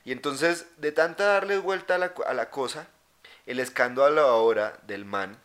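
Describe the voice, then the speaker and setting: A young man co-hosting a podcast, telling stories in crude, animated slang. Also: medium pitch, moderate pace. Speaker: podcast co-host. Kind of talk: casual chat.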